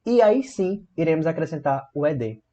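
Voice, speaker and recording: A man from Brazil teaches a grammar lesson in a lively, playful way, throwing rhetorical questions at his viewers. His voice sits a little high and swings widely in pitch. The audio sounds slightly dull and lo-fi. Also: moderate pace. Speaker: English teacher. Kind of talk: video lesson explaining grammar.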